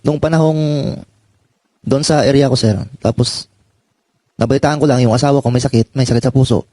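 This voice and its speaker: Ex-soldier man, deferential and halting, quick delivery, dry close sound. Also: mid-range voice, fairly even intonation, warm tone, dry recording. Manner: halting, repeats "sir" constantly. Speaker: former soldier. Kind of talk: personal testimony in a panel.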